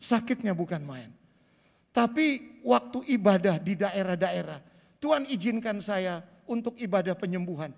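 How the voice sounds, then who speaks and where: A man in his sixties preaching a sermon as pastor, swinging between loud emphatic bursts and quiet asides. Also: sits high, expressive, moderate pace, vocal fry, long reverb tail. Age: 60s. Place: church sanctuary.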